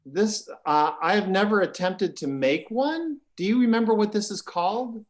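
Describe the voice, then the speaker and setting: A man's voice: high voice, animated, normal speed. A man co-hosting a casual chat over a video call, rambling and hesitant with many fillers. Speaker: co-host.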